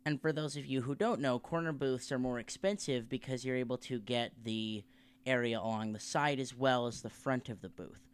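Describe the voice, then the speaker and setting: A man's voice: mid-range voice, normal speed, smooth. A man co-hosting a podcast, chatting casually, hesitating and explaining things for listeners. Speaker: podcast co-host. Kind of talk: casual chat recap.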